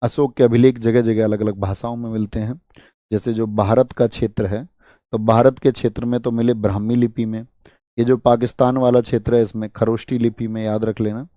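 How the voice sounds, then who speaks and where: A male teacher from India giving a fast exam-prep history lecture, firing questions at students and answering them himself. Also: medium pitch, little pitch movement, dark tone, dry recording, clean studio sound.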